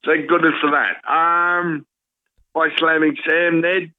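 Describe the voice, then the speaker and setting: A man's voice: a little high, little pitch movement, slow, no room sound. An Australian man in his fifties calling a radio show through a bluetooth headset mic, chatting casually and rambling with hesitant ums and restarts. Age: 50s. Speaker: radio caller. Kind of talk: casual call-in chat. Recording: tinny dry phone line.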